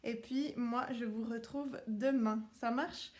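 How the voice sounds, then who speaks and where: Soft, slow-talking woman teacher. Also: on the high side, steady tone. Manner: soft, slow, addressing children. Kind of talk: gentle intro for schoolchildren. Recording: roomy echo.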